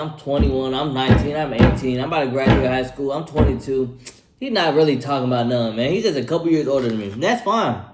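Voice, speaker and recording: A man in his twenties giving casual life advice in a slangy, laid-back way, repeating himself and tagging lines with "bro" while he eats. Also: a little high. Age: 20s. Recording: echoey room.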